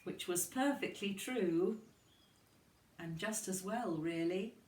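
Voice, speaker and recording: Here a woman's mid-range voice moves slowly as she reads a children's story with expressive delivery, addressing little kids in a kindergarten-teacher style. There's noticeable room echo, and she sits well back from the microphone.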